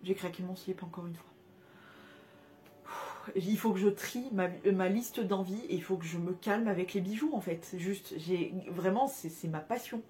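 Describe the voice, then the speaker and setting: A woman's voice: fairly low pitch, moderate pace, dark tone, slight background noise. A young woman chatting casually through a shopping haul, gushing over cute items with many fillers and restarts. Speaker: haul vlogger. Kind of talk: casual haul video chat.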